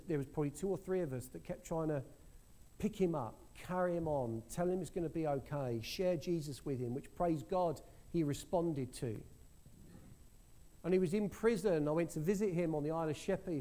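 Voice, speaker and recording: A man's voice: on the high side, dark tone. A man preaching, telling a story to his congregation in an earnest way with frequent restarts. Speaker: preacher sharing a testimony. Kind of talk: sermon testimony.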